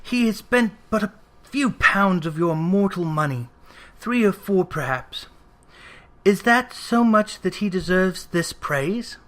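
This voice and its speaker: A storybook narrator voicing a solemn ghostly spirit guide who questions in a measured, probing way. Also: mid-range voice, expressive. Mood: mock-dismissive, probing.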